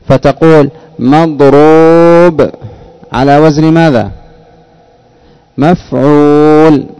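A male teacher gives a classroom grammar lesson in a mellow, warm voice at a middling pitch. He talks slowly, repeats key words and keeps putting questions to his students. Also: highs cut off.

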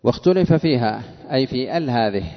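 A man teaching classical Arabic grammar slowly and deliberately. He asks questions and answers them himself, and he chants the verses he quotes. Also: medium pitch, lively intonation, long reverb tail, muffled recording.

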